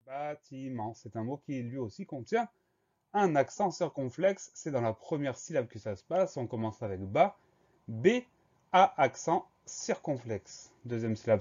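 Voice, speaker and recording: A man's voice: medium pitch, darkish tone, slightly rough, dull audio. A male teacher leading a spelling lesson, carefully spelling words out letter by letter. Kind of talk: dictation lesson.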